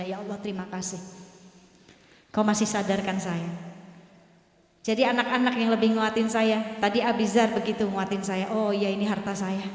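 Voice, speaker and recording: A middle-aged woman preacher giving an emotional sermon, telling a personal story and speaking to the women in the audience. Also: on the high side. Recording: echoey hall.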